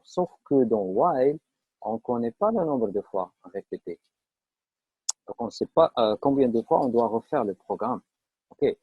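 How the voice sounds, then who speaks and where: A man's voice: medium pitch, husky, dry recording. A man teaching a live online programming class, explaining step by step with frequent fillers and checks that students follow. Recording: dull lo-fi online class audio.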